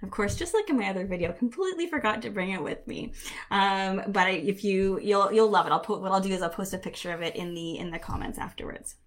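A woman's voice: mid-range voice, fast talker. A middle-aged woman hosting a live online coaching session, chatting casually and often breaking off to rephrase herself. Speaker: career and leadership coach, summit host.

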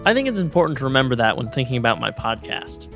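A male podcast host with a mid-pitched voice delivers his scripted lines in a dry, wry way. Faint music plays underneath him. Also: big pitch swings, fast.

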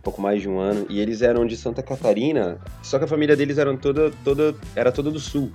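A Brazilian man with a Brazilian accent in casual podcast chat, explaining things calmly. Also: medium pitch, fast, faint music behind.

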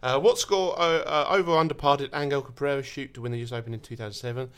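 A man's voice: medium pitch, fairly even intonation, racing, fairly bright tone, smooth. A man with an Essex accent, chatting casually and jokily as he hosts a podcast quiz. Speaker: quiz host.

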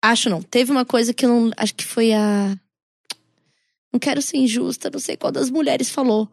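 A woman's voice: on the high side, a little fast, no echo, clean studio sound. A young adult woman co-hosting a podcast, chatty and enthusiastic, cheering on her friend. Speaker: podcast co-host. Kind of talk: casual chat among friends.

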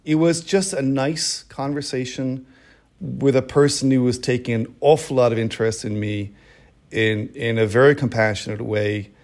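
A middle-aged man telling a personal story in an emotional, halting way, with many restarts. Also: medium pitch, fairly even intonation, darkish tone. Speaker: storyteller guest. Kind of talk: personal story told in interview. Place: quiet room.

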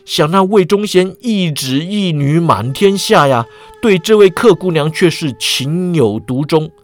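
A man's voice: on the high side, expressive. Man telling a martial-arts serial. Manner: leisurely storytelling with drawn-out particles. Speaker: storyteller.

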